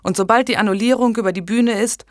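A woman reading an audiobook, voicing a stern, angry medieval lord with a gruff, commanding manner. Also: on the high side, steady tone, fast, no room sound, clean studio sound, voice pushed up, natural voice.

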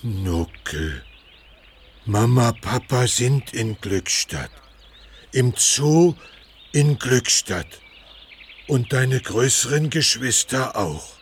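A man's voice: medium pitch, lively intonation, very slow, pauses often, a little hiss or hum. An actor playing a kind, caring male friend of the animals in a children's audio drama, speaking earnestly. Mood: gentle. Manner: earnest, gentle.

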